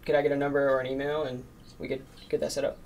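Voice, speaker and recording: A man's voice: mid-range voice, completely flat delivery, very fast, darkish tone, highs cut off, slight background noise. A man in his late teens making sales cold calls and talking between them, nervous and full of fillers like "um" and "like". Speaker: marketing agency owner cold calling. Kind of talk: recorded cold calls and casual commentary.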